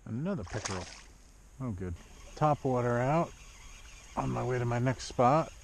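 A middle-aged kayak angler and video host, with a gravelly, medium-pitched voice and lively intonation, talks at normal speed. He gives casual running commentary in short, plain-spoken phrases while fishing from a kayak on a lake. An action camera on his body or kayak records dull, muffled audio with loud outdoor noise.

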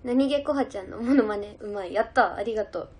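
A woman's voice: mid-range voice, quick pace, darkish tone, breathy edge. A young woman idol chatting casually on a livestream, giggling as she reads out and answers viewer comments. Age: young adult.

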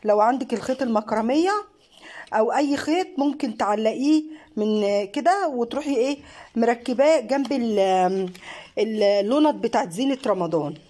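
A mother and craft channel host records a casual home vlog on a phone she holds, speaking from behind the camera at a living room table. Her fairly high female voice carries an Egyptian Arabic accent, and she's warm and encouraging, praising generously with many fillers.

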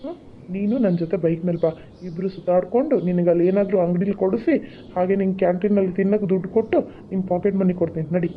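A harsh middle-aged village father from a cartoon, voiced by an actor, talking fast with cutting, scornful remarks. The sound is slightly dull and lo-fi. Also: mid-range voice, a little hiss or hum, natural voice. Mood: doting. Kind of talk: cartoon voice acting.

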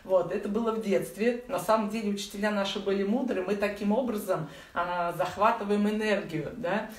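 A woman's voice: mid-range voice, fairly even intonation, a little fast. A woman in her forties giving informal, chatty breathing instruction to beginners, using affectionate diminutives. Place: living room at home, indoors. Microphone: phone or camera set a little way off. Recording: echoey room, distant mic, faint noise.

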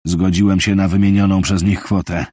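A man's voice: deep voice, level tone, fairly quick, darkish tone, dry recording, studio quality. A male audiobook narrator voicing a tense, wealthy former soldier with clipped, strained replies. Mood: terse. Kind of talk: audiobook character reading.

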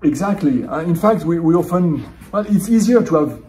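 A man's voice: fairly high pitch, animated, moderate pace, dark tone, recorded from a distance. A middle-aged man from France with a French accent, a theology professor answering interview questions thoughtfully, often restarting his phrases. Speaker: theology professor and seminary dean. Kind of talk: conference interview. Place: indoor conference room.

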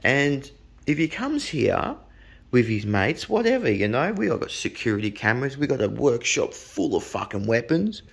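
A man's voice: medium pitch, very animated, normal speed, vocal fry, breathy edge. An Australian man telling a blunt, profane anecdote in a rambling, casual way. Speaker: storyteller.

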